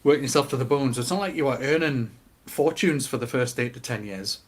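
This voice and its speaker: A middle-aged man with a Newcastle Geordie accent, chatting casually and giving his opinions in an animated way, with rhetorical questions. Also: mid-range voice, brisk. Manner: animated storytelling with acted-out quotes and rhetorical questions.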